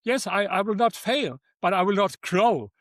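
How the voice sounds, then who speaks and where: Older german guy with accent, kinda high voice, dry sound, keeps repeating words. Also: expressive, a bit bright, no echo. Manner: halting, repeats words, non-native phrasing. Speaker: guest author. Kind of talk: interview conversation.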